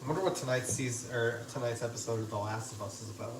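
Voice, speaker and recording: A man with a mid-range voice and steady tone talks fast while hosting a casual live cooking stream from his home kitchen, joking around and correcting himself mid-sentence. The low-quality recording has slight background noise, with dishes and pots clanking behind him.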